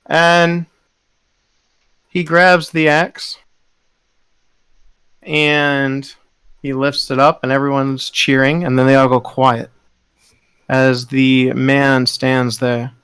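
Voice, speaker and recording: A man narrating a tabletop game as game master, describing scenes slowly. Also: mid-range voice, level tone, a bit bright, smooth, dry recording.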